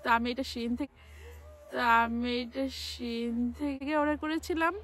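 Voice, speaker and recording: A woman's voice: high-pitched, measured pace. A woman from Bangladesh, a travel vlogger, chatting casually to camera from a clifftop by the sea, often repeating and restarting her words. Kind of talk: casual vlog talk to camera.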